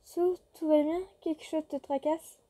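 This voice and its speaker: A woman voicing a shy, soft-spoken girlfriend. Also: high voice, steady tone, a little slow, pitched above the performer's own voice. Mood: gentle. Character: shy young girlfriend, gentle and anxious.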